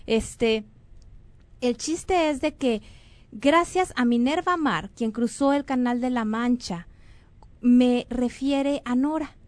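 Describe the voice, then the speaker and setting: Her voice is a bit high with a darkish tone and no echo: a Mexican woman hosting a radio or online show. She earnestly rambles through casual announcements and a guest introduction, using fillers and correcting herself.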